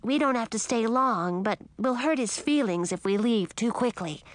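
A woman's voice: on the high side, lively intonation, moderate pace, no room sound, voice pushed up, natural voice. A woman voicing a small, kind young male dragon with a friendly manner.

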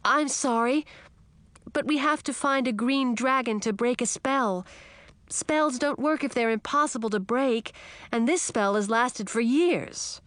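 A woman's voice: on the high side, a little slow, fairly bright tone, no echo, voice pushed up. A woman voicing a young woman turned into a frog, earnest and worried. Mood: insistent.

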